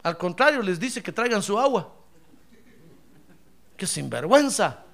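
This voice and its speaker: A man's voice: high-pitched, sing-song, unhurried, creaky, a bit bright. A man preaching a sermon in church, emphatic and ironic, often calling his listener brother. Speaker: pastor.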